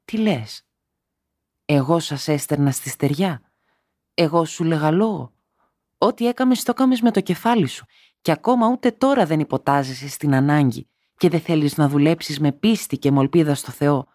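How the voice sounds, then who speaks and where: A man's voice: mid-range voice, lively intonation, mellow, no room sound, clean studio sound, lightly acted. A man reading a story aloud and voicing a young woman who is tender at times and bitter at others, speaking emotionally and rising to cries. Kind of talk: audiobook character reading.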